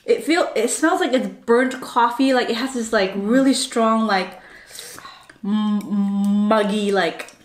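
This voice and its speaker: A woman's voice: fairly high pitch, slow pace. A young woman vlogger chatting casually over a mukbang meal, filling her talk with "like" and laughing often. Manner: chatty, lots of "like" and laughter while eating. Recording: echoey room.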